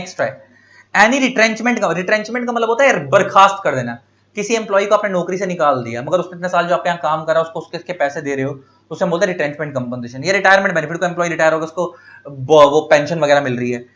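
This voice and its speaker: A man's voice: on the high side, fairly bright tone. A man teaching law, explaining terms through everyday examples and often repeating the main point. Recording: dull lo-fi audio.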